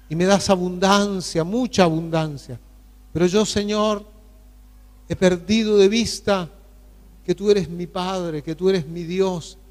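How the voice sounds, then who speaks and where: High-voiced man praying slowly in reverb. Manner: fervent, pleading prayer with many pauses. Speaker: pastor. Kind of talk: prayer during a sermon. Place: church sanctuary.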